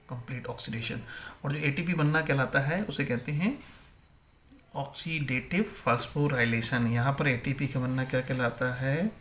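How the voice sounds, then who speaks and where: A man's voice: medium pitch, pushed and bright, a little hiss or hum. A male biology teacher gives an exam-prep lecture, asking questions and answering them himself, and mixing English terms into Hindi.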